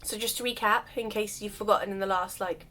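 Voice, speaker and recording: A woman talks fast in a pushed, bright, medium-pitched voice with fairly even intonation. As a hair vlogger, she's casually demonstrating how she styles her wavy hair, chatty and self-deprecating, explaining while she works, and her voice has only just recovered from illness.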